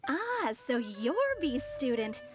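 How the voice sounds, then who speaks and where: High-voiced, poised young sorceress. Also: female voice, big pitch swings. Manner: polite, measured, formal. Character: poised, formal female successor sorceress with mysterious secrets. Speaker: game character. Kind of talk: scripted video game voice acting. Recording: music behind the voice.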